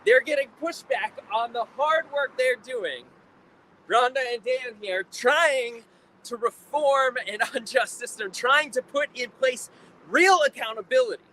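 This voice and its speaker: Man, preacher's protest speech, bright forceful voice, emphatic repetition, outdoor recording with light traffic noise. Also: very high-pitched. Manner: emphatic, deliberate, repeats phrases for effect. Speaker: preacher, rally speaker. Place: outdoors at a rally in town. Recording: noisy outdoor urban recording, faint traffic.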